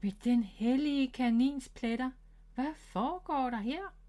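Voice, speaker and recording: A woman voicing a patient, gentle mother rabbit teaching her son, in a storybook read-aloud. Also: medium pitch, expressive, natural voice. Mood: commanding.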